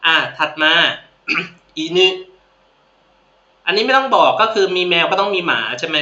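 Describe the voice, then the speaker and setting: A man with a Thai accent teaching a Japanese lesson to students, friendly and repeating each word slowly for them to copy. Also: high voice, animated, bright, forceful tone. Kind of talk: casual classroom-style video lesson. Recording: echoey room, dull lo-fi sound.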